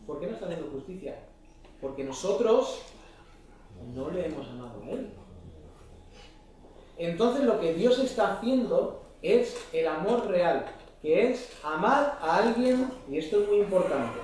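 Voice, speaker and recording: A man's voice: high voice, expressive, a little slow, darkish tone, slight background noise. A man preaching a sermon in church, often asking the congregation short questions. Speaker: pastor. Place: church hall. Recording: echoey church hall, mic at a distance.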